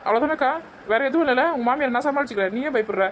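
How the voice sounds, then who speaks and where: A woman's voice: high-pitched, rapid-fire, slight background noise. A woman, bossy and pleading by turns in a comic sketch.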